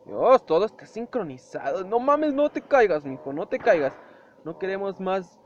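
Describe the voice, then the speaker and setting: A young man with a Mexican accent giving excitable gameplay commentary, shouting, swearing and making sound effects. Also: high-pitched, normal speed. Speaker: gameplay youtuber. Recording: dull lo-fi home recording with faint hiss.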